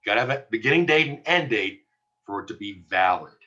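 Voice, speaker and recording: A man with a lowish, bright, forceful voice and lively intonation talks fast in this recorded real estate class. He keeps it conversational, stumbling through fillers and restarts while playing out small dialogues.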